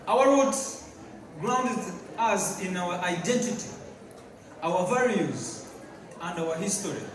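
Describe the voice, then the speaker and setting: A man from Tanzania giving a halting public speech with fillers and repeated words at a community event. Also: high voice. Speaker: guest speaker. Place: large hall at a community event. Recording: echoey hall, distant mic, crowd. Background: crowd.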